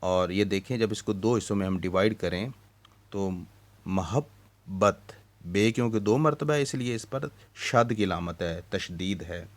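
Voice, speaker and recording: A man teaching an Urdu lesson to young children. He recites lines of a poem slowly and then explains the vowel marks one by one, with a Pakistani Urdu accent. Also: lowish voice.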